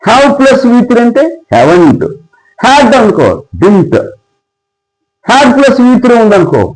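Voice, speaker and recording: A man's voice: very high-pitched, big pitch swings, moderate pace, poor audio. A middle-aged man with a Telugu accent teaching an English grammar lesson, explaining emphatically and drilling word pairs.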